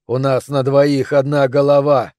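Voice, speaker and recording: A man's voice: mid-range voice, little pitch movement, a little slow, a little mellow, no echo, studio quality, natural voice. A man doing a snarling two-faced thug. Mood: menacing. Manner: snarling, gruff, contemptuous. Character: menacing male thug with a split personality.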